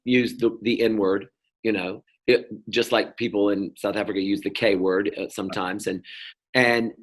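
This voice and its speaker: A man's voice: fairly low pitch, steady tone, moderate pace. Rambling American man from the South. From North Carolina, US South. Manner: rambling, many restarts and fillers. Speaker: interview guest. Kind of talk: casual conversation.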